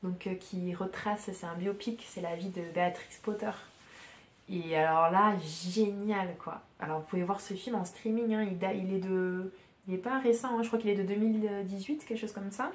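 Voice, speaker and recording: A woman hosting a podcast from home, chatting casually and haltingly, with many fillers and restarts. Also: medium pitch, fairly even intonation, reverberant. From France. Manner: hesitant, many fillers and restarts, soft-spoken. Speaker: podcast host. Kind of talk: casual chat.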